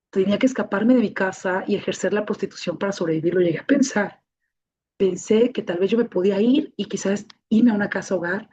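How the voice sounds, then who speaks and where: A woman's voice: medium pitch, a little mellow, slight background noise. A woman telling her life story to an audience in an emotional testimony, repeating key phrases for emphasis. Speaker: speaker sharing her life story, founder of a child-protection association. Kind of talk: personal testimony talk to an audience. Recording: dull, muffled recording.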